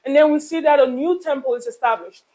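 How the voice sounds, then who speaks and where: A woman's voice: sits high, moderate pace, mellow. A woman interpreting a sermon live, relaying the preacher's words in the third person with the odd filler.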